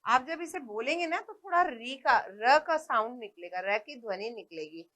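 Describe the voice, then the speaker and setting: Woman, high bright voice, slow patient teacher, asks questions, points at the book. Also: animated. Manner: points at the book as she talks. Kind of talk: primary school lesson.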